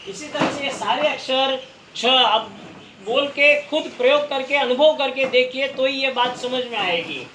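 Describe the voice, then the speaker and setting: A man's voice: extremely high pitch, a little slow, bright, forceful tone. A man teaching a recorded language lesson, patiently repeating each sound for listeners to try. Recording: echoey room, faint background noise.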